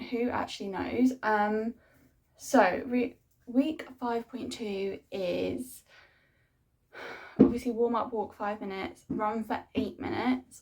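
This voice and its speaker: A woman's voice: fairly high pitch, darkish tone. A young adult woman talking casually to her video diary as a fitness vlogger, rambling informally and saying "like" and "honestly" a lot.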